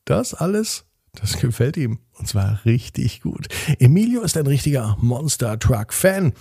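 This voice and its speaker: A man narrating a bedtime story in a gentle, expressive way. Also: mid-range voice, unhurried, creaky, breathy edge, dry recording, studio quality.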